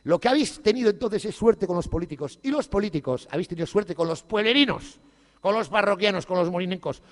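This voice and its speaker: Male speaker, higher pitched, cracks jokes and curses through a festival speech, long hall reverb. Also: animated, fast. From Basque Country. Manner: irreverent, joking, swears freely. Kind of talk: humorous public speech.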